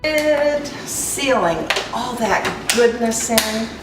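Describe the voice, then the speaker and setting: A woman hosting a cooking demonstration, explaining each step in a chatty, unhurried way. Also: a little high, distant mic. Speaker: cooking host. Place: kitchen. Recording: echoey kitchen, from afar, light music.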